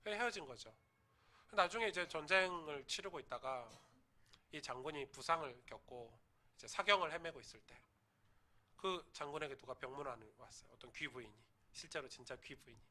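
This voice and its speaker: A male pastor preaches in church, telling stories and putting questions straight to the congregation. His voice sits a little high and has a very bright, sharp edge. He builds to loud emphasis on the key points. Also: brisk. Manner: storytelling sermon that swells to loud emphasis; addresses the congregation directly with questions. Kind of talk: sermon.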